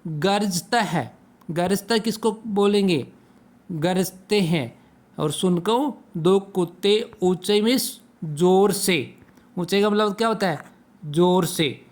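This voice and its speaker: A man teaches children a Sanskrit lesson, slowly and patiently asking questions and answering them himself. His voice is high with a darkish tone.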